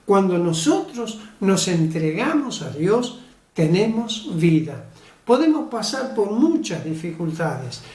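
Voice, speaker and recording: Woman, preacher, slow emphatic sermon, echoey room, distant mic. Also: mid-range voice, sing-song, darkish tone.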